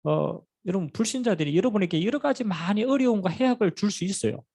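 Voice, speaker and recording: Middle-aged male pastor, Gyeongsang accent, husky tone, animated storytelling sermon. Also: sits high, quick pace. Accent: Gyeongsang Korean. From Pohang, South Korea. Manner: lively storytelling preaching with rhetorical questions and humor.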